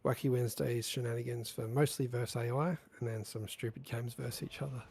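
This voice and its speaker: A man with a croaky, raspy voice, co-hosting a game livestream in a casual chatty way. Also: medium pitch, fairly even intonation, a little fast, darkish tone. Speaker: stream co-host, lobby organizer. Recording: music behind the voice. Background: music.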